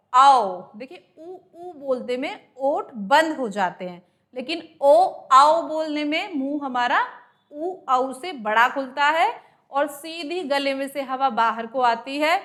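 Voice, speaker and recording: A woman's voice: high voice, a bit bright. A woman teaching an exam-prep grammar lesson, explaining step by step and stretching out sounds to demonstrate them. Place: coaching class.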